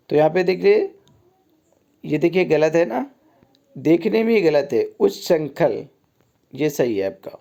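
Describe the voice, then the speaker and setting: A man's voice: fairly high pitch, gravelly, mellow. A man tutoring Hindi spelling for an exam, repeating each wrong and right form in a patient, drilling way. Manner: repetitive teacher, keeps saying "ठीक है" and contrasting wrong and right forms. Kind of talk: exam-prep lesson on spelling.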